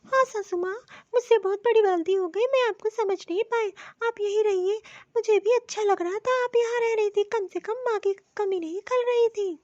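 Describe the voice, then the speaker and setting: A woman's voice: extremely high pitch, moderate pace, hardly any pauses, a little mellow. A woman voicing a modern, touchy young daughter-in-law from the city in a cartoon story, talking in a curt, complaining way. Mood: remorseful. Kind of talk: cartoon voice acting. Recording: dull, dry lo-fi recording.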